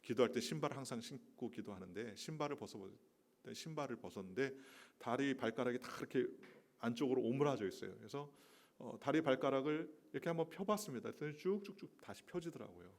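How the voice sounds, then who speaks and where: A man's voice: mid-range voice, animated, quick pace. A middle-aged man, a missionary preacher, telling personal testimony in a sermon, with storytelling and emphatic rhetorical questions.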